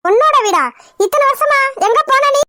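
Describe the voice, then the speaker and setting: A woman's voice: very high voice, animated, moderate pace, pushed and bright, no room sound, clean studio sound, pitched above the performer's own voice, heavily acted. A woman voicing a scheming, scolding middle-aged aunt in a cartoon. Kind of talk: cartoon dubbing.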